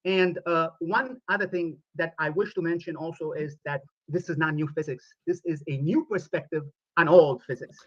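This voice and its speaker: A man from Romania, speaking in a formal, deliberate way as a podcast guest. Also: a little high, fairly even intonation, dry recording, lo-fi sound. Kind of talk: podcast interview played back.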